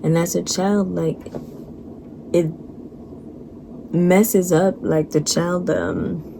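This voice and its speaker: Low-voiced woman sharing an emotional testimony. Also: steady tone, vocal fry. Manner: earnest, reflective, halting, fighting back tears. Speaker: vlogger. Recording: noisy background.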